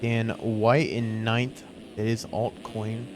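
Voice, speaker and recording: A man's voice: on the low side, little pitch movement, slow, noisy background. A man giving live motorsport race commentary in an informal, conversational play-by-play style.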